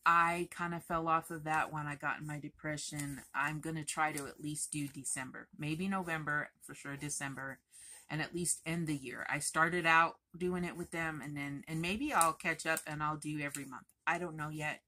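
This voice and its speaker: A woman crochet vlogger talking in a chatty, rambling, expressive way to her viewers. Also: low voice, moderate pace. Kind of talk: casual chatty vlog.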